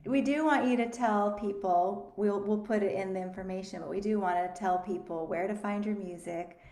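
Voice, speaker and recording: A woman hosting a webinar conversation, earnest and a little rushed. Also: medium pitch, a little mellow. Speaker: host. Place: online webinar call. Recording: echoey room with faint noise.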